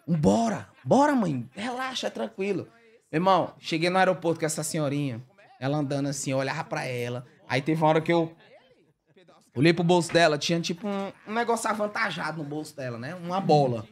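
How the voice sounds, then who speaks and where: A man's voice: a little high, brisk. A man from the Brazilian Northeast with a Northeastern accent, telling a comic story in casual, slangy talk and laughing as he goes. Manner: lively, slangy, laughs through his own story. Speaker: comedian guest telling a story.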